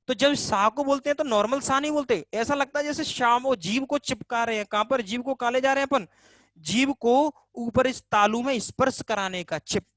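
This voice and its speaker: A man's voice: sits high, a bit bright, dry recording. A male teacher gives a casual online grammar class, asking the class questions and answering them himself, repeating key terms to drill them. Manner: casual and chatty.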